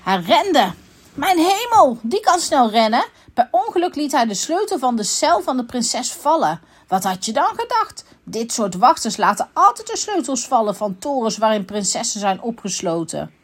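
A woman reading a children's story aloud. Her telling is playful and expressive. Her voice sits a little high and moves up and down in pitch a great deal. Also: normal speed, few pauses, breathy edge.

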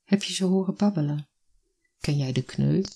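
The voice of a blunt young village man who loves birds, as a storyteller reads his lines. He speaks plainly and matter-of-factly with quiet earnestness. The tone is husky and a little breathy, at a middling pitch. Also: moderate pace. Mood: earnest.

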